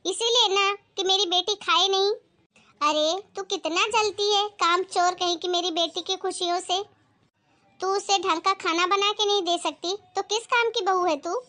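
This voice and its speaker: A woman's voice: very high voice, normal speed. A woman acting a bossy, cruel mother-in-law who scolds her daughter-in-law in a family drama. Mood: scolding. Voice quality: scolding, sharp-tongued.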